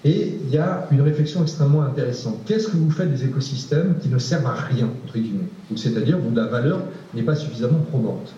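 A male researcher answers a panel discussion question in a medium-pitched, mellow, expressive voice, brisk with hardly any pauses. He's hesitant, full of fillers and repeated words, and the recording sounds distant, echoey and dull.

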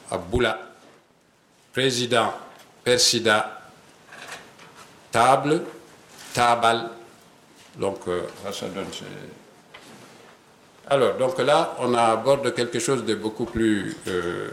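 A man giving an academic lecture, hesitant with many fillers and an occasional soft chuckle. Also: on the low side, a little hiss or hum. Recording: roomy hall with faint ambience.

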